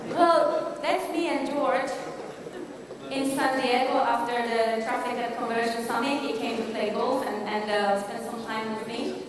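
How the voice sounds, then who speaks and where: A Romanian woman in her forties, speaking with a Romanian accent, gives an emphatic motivational business talk on stage in a large conference hall, rallying the audience with questions. Her voice is a little high and unhurried. The recording is echoey, captured from far off, with background noise.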